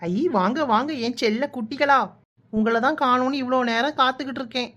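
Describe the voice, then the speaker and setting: A woman's voice: high voice, fairly quick, fairly bright tone, soft background music. Woman voicing a chatty young village bride. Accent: Kanyakumari Tamil. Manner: teasing, whiny, chatty.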